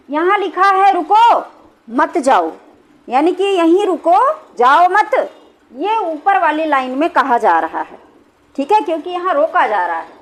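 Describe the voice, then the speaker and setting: A woman with a high, light voice teaches a grammar lesson. She talks patiently, repeats her points and keeps checking that her listeners follow. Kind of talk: explaining a Hindi grammar lesson.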